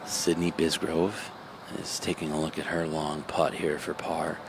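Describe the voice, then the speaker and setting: A man's voice: extremely low pitch, little pitch movement, measured pace. A man giving live on-course golf commentary in an informal, somewhat hesitant way. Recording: noisy outdoor ambience, vehicle sounds.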